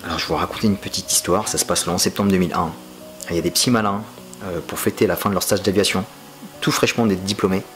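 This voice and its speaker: Low-voiced joking male film reviewer. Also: steady tone, fast talker, fairly bright tone, low-quality recording. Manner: chatty, slangy, joking. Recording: music playing under voice.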